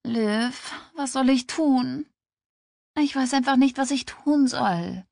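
A woman reading an audiobook, voicing a distraught young pregnant woman who is crying and pleading in a high voice. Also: a little slow, gravelly, no echo, clean studio sound. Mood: tearful.

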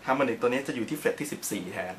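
A man's voice: mid-range voice, rapid-fire, a bit bright, a little hiss or hum. Chatty man explaining guitar gear. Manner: chatty, polite, explains while demonstrating on guitar. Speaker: guitar teacher. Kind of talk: casual instructional video. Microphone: own camera. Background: guitar playing.

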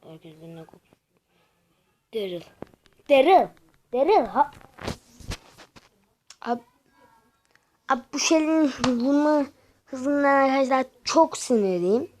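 A young woman giving casual gameplay commentary, talking straight to her viewers with frustrated, excitable outbursts. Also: sits high, slow, long pauses, a little hiss or hum, rough recording.

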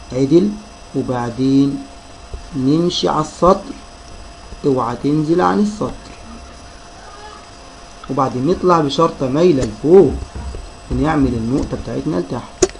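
A man with an Egyptian Arabic accent narrates a reading lesson for young children, stretching each syllable as he drills the sounds. His voice sits a touch high, and a faint hiss runs underneath it. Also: darkish tone, rough recording. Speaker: teacher.

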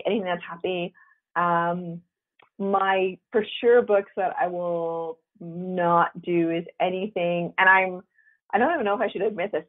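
Woman author guest, lively storyteller with leaps in pitch, heard over a tinny phone line. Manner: animated storyteller, acts out quotes with big pitch jumps. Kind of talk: casual interview chat.

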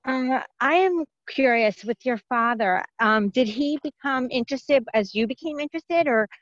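A woman's voice: high voice, lively intonation, moderate pace, no room sound, dull audio. A woman from the audience asking a curious, somewhat hesitant question.

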